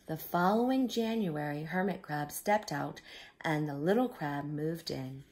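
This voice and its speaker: A woman reading a picture book aloud to young children, expressive, with simple explanatory asides. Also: sits low, measured pace. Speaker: children's storyteller.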